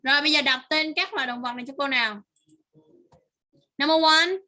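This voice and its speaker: A woman's voice: high voice, a little fast, pushed and bright. A woman teaching English to a child online, patiently repeating words and praising answers.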